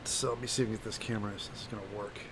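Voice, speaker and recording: A slightly hungover man with a phlegmy throat, hosting a casual craft livestream in a halting, distracted, apologetic way while he works and chats to viewers. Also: lowish voice, little pitch movement, noisy background. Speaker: livestream host, craft demonstrator.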